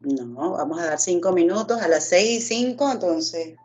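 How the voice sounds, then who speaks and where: A woman co-hosting an online talk on a video call, greeting attendees politely and briskly keeping the start on time. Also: lowish voice, animated, darkish tone. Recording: dull lo-fi video-call audio.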